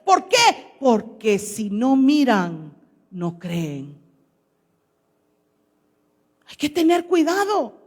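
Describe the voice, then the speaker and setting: A woman's voice: sits high, big pitch swings, extremely slow, pauses often, slightly rough. A woman pastor preaching a sermon to her congregation, questioning them and reading scripture aloud. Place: church. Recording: long church hall reverb.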